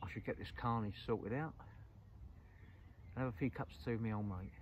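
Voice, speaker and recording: Talking a little fast in a fairly low voice, this middle-aged man vlogs about angling as he chats casually to camera by a lake through the night and into dawn. He tends to repeat small phrases. A clip-on lapel mic captures him in a lo-fi outdoor recording with noticeable background noise.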